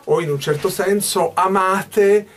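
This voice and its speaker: A man's voice: high voice, a little slow, a little hiss or hum. A stage actor in his fifties gives a backstage interview in a small dressing room. He talks thoughtfully, gestures a lot and often restarts mid-phrase.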